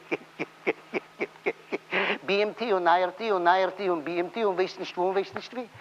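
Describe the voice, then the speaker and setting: A man with a Yiddish accent reciting a comic song-poem in a rhythmic, sing-song chant, full of playful repetition. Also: high-pitched. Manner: lively, playful, repeats phrases with rising excitement. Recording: dull lo-fi recording.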